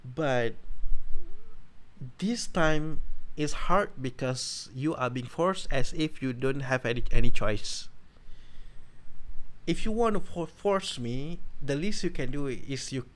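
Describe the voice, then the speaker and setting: Young man, rambling self-correcting vlog storyteller, mid-pitched voice. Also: animated, slow pace, long pauses, a bit bright. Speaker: vlogger.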